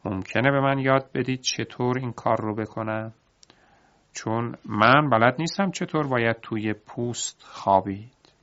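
A man voicing a clever young male laborer in a spoken storybook, talking in a calm, measured way. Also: mid-range voice, lightly acted. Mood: innocent. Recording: dull lo-fi audiobook recording.

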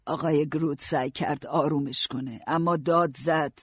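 Husky male audiobook narrator. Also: fairly high pitch, no room sound, highs cut off. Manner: steady first-person storytelling.

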